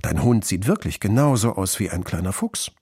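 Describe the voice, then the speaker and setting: A man voicing a kind, polite female teacher who speaks formally and patiently, with a husky voice. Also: on the low side, lively intonation, normal speed, a little mellow, dry recording, studio quality. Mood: friendly.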